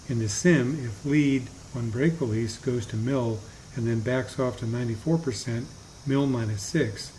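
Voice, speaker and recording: A man's voice: mid-range voice, mellow, low-quality recording. Male instructor over faint background noise. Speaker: flight simulator instructor. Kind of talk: instructional narration, scripted.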